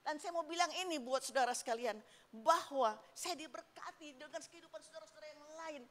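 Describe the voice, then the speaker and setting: A middle-aged woman preaching a sermon with personal stories, telling them in a lively way and often calling out to the congregation. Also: high voice, brisk. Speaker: evangelist preacher. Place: church sanctuary. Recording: long reverb of a church hall.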